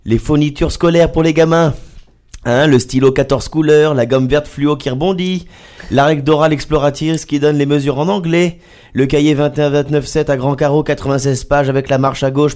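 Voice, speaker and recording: Man, comic radio column, sarcastic and theatrical, slightly high voice. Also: steady tone, moderate pace, a little mellow. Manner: sarcastic, theatrical, with mock exclamations.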